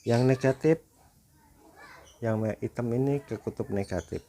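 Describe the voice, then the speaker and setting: A man's voice: medium pitch, moderate pace, a little hiss or hum. A man giving a casual DIY how-to demonstration at home, talking to viewers like friends. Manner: relaxed, talks straight to viewers as friends. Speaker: DIY tutorial maker.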